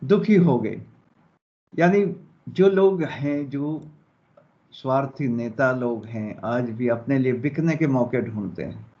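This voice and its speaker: A male Hindi teacher with a mid-range voice explains a story slowly during a lesson, checking in with his students along the way. The audio is dull and lo-fi.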